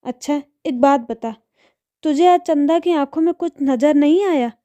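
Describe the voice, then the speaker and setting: A wise, gentle older mother speaks softly in a storybook tale, as a woman reader puts her on. Her voice sits high and sounds very warm and mellow. The sound is close and dry. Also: moderate pace, no room sound, natural voice. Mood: tender. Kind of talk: storybook narration.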